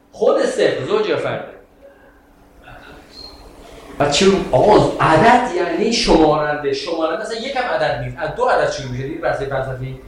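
A man with a high voice gives a classroom philosophy lecture. He talks in an animated, rhetorical way and keeps asking his students questions. His voice rings through a strongly echoing room. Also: slight background noise. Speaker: philosophy teacher. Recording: very echoey room.

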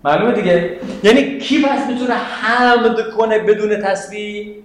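A man with a fairly high voice teaches a Quranic exegesis class. He explains step by step, quotes Arabic verses and puts questions to his students. The classroom is very echoey. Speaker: religious teacher.

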